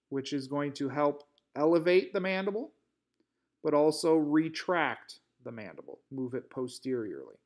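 Male instructor, slightly higher voice, patient step-by-step lecture narration. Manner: explains step by step with fillers and restarts. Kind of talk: recorded anatomy lecture. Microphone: voice-over narration over drawings.

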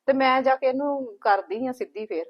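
ਗੁੱਸੇ ਵਿੱਚ ਸ਼ਿਕਾਇਤ ਕਰਦੀ ਪੰਜਾਬੀ ਔਰਤ. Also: female voice, sits high, normal speed, highs cut off. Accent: Punjabi. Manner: complaining, accusing, indignant. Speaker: angry relative in a family drama. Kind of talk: scripted village family drama.

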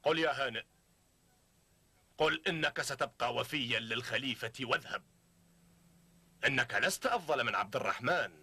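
An actor dubbing a stern official in a historical drama, who speaks in a cutting, insistent way. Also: male voice, mid-range voice, moderate pace, long pauses, sharp tone, husky, no room sound, heavily acted. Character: stern male official pressuring a prisoner.

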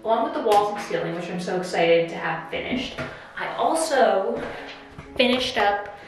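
A woman's voice: mid-range voice, normal speed, background noise. Young woman chatting in a very echoey bathroom. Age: young adult. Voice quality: echoing, reverberant sound. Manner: chatty, expressive, filler-heavy with "like". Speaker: home renovation vlogger. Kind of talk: casual chat to camera. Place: small, unfurnished tiled bathroom indoors. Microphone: camera a few feet away. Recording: very echoey empty room, distant mic.

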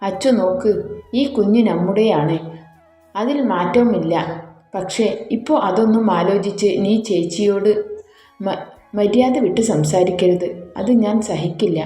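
A man's voice: high-pitched, unhurried, warm tone. A woman reading as a pleading devoted young brother. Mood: stern. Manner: tender, pleading. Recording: roomy echo, faint music.

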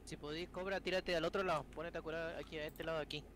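A man's voice: fairly high pitch, fairly even intonation, fast, fairly bright tone. A man with a Chilean accent chatting casually and using slang as a player in an online military game. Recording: clear noise under game voice chat.

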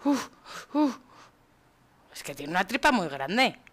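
A woman's voice: medium pitch, big pitch swings, takes it slowly, a bit bright. A woman from Spain giving casual, chatty let's-play commentary, exclaiming and talking to the characters in her game. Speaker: gaming YouTuber.

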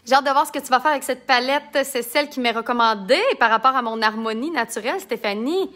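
During a relaxed live makeup tutorial, a woman with a Québécois French accent jokes around and reads viewer comments aloud. Her voice is high and sharp, and she talks at a quick pace; she is from Quebec.

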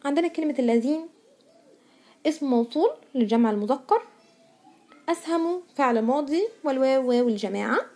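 A woman's voice: sits high, expressive, a little fast, pauses often, warm tone. A woman teaching a primary school grammar lesson in Egyptian Arabic. She stresses each new word and answers her own questions to the pupils. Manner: asks pupils questions and answers them herself.

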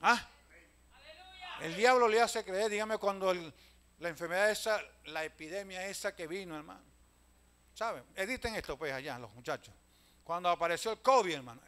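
A man, a pastor telling stories in a sermon, swinging from loud calls to hushed asides and often addressing listeners as brother. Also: high voice, fairly quick. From Venezuela. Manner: storytelling preacher, swings from loud calls to hushed asides, keeps saying "hermano".

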